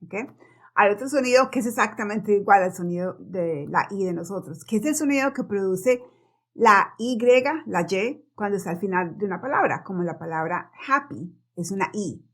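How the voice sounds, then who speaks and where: A woman whose first language is Spanish gives a relaxed pronunciation lesson, her voice getting a little worn. She talks in a chatty way, repeats her examples and keeps checking in with a quick "ok?". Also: mid-range voice. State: losing her voice. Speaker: English pronunciation teacher. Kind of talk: casual spoken lesson.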